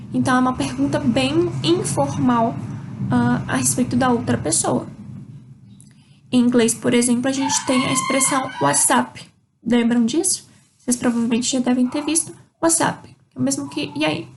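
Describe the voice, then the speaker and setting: A Brazilian Portuguese-speaking woman teaching a Spanish lesson, slowly pronouncing example words. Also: high voice. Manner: slow, drawn-out demonstration of Spanish words. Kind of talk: online language lesson. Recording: faint background noise.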